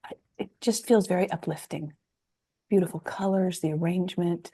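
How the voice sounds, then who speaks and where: A woman's voice: on the low side, fairly even intonation, normal speed, husky. Appreciative woman on a video call. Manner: appreciative, softly enthusiastic. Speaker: group participant. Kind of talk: casual group sharing.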